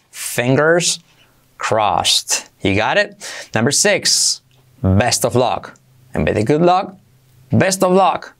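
A man from Spain with a Spanish accent, teaching English phrases in an energetic lesson and coaxing the listener to repeat after him. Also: medium pitch. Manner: drills phrases slowly, coaxing "come on, repite conmigo".

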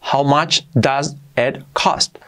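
Man, video English teacher, drills phrases slowly with animated pitch leaps, rushes the asides. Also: clear, resonant tone. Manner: repeats phrases slowly, lively pitch jumps. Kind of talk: video lesson.

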